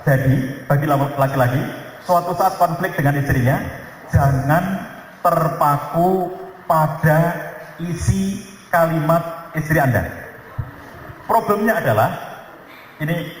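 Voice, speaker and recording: A male preacher from Indonesia gives a lively family seminar in a large hall, speaking through a PA mic. His voice sits fairly high and chats with the crowd, teasing them as he acts out little dialogues. The sound is strongly echoey with a long reverb tail and faint noise underneath. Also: slow pace, pauses often. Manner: conversational, teasing the audience, acts out quoted dialogue.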